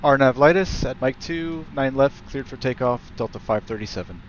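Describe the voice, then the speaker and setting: Male sim pilot on headset, clipped airline readbacks, muffled mic, steady hiss behind. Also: medium pitch, moderate pace. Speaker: flight simulator streamer flying as airline pilot. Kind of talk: pilot cockpit callouts and radio readbacks over a headset.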